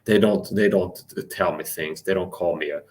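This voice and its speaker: On a livestream, a man delivers an angry, defiant, profane rant, repeating himself and addressing listeners directly to challenge them. His deep voice is a little mellow and moves at a normal speed.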